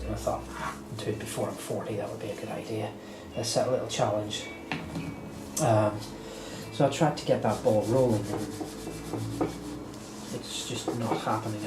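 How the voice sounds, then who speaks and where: A guitar channel host in his late thirties, slightly congested from a cold, talks casually while working, in a lowish voice. His talk is rambling and reflective, packed with fillers. The room is echoey, with loud music and noise behind him.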